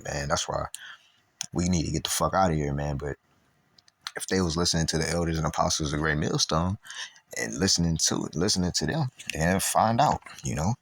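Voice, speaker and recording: A man giving a casual, rambling Bible study talk in loose street slang with lots of fillers, reading scripture slowly and stumbling over the old words. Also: a bass voice, creaky, fairly bright tone, slightly rough, no echo. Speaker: Bible teacher.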